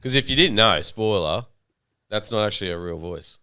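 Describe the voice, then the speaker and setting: A man's voice: on the low side, lively intonation, moderate pace, pushed and bright, smooth, no room sound, studio quality. A man co-hosting a podcast, chatting casually and teasing his friends with jokes. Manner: jokey, teasing. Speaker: podcast co-host. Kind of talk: casual chat.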